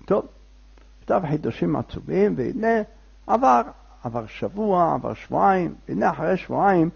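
Male storyteller, high, lively and husky, with chatty asides to the listener. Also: dull audio. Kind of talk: oral folk tale telling.

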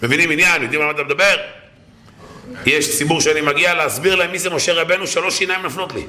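A man's voice: fairly high pitch, sharp tone, roomy sound, slight background noise. A man giving a storytelling sermon to a congregation, acting out the people in his stories with shifting voices and exclamations. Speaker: rabbi giving a Torah talk.

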